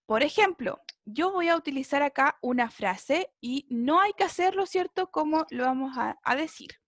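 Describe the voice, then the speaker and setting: A woman's voice: sits high, lively intonation, normal speed, a bit bright, dry recording, clean studio sound. A woman, teaching a basic English class online, explaining patiently and checking in often.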